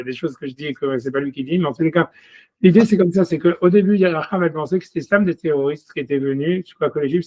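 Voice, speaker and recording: A man teaching a relaxed one-on-one study session over a video call. His voice sits a little high for a man, and he keeps checking in with "you see" as he goes. Every so often he switches to reading Hebrew verses aloud. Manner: chatty, peppers every phrase with "you see"; reads scripture aloud in chanted Hebrew phrases. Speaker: rabbi teaching a text study. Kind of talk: casual one-on-one text study.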